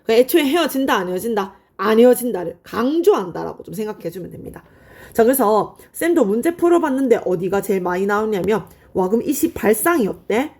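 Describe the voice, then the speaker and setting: A woman teaching high school literature in an online lecture, explaining in a friendly, chatty way and answering her own questions. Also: darkish tone. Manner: asks students questions and answers them herself.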